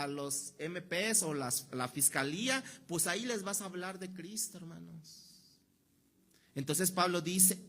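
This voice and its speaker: A man's voice: fairly high pitch, fairly bright tone. A Mexican pastor preaching a sermon in a conversational way, asking rhetorical questions and acting out the voices of people he quotes. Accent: Mexican Spanish. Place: church hall.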